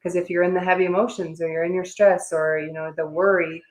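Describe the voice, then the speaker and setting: A woman hosting a casual chat, affirming and warm in how she responds. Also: lowish voice, little pitch movement, quick pace. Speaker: host. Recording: roomy echo.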